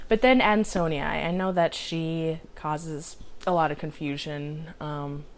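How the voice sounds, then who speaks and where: Very low-pitched American woman chatting casually. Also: steady tone, takes it slowly. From United States. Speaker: podcast host. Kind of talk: casual chat.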